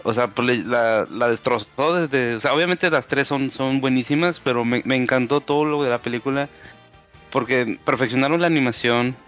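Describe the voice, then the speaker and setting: A man's voice: mid-range voice, normal speed, fairly bright tone, soft background music. A man on a casual podcast, giving long enthusiastic explanations full of fillers. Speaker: podcast co-host. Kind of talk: casual chat.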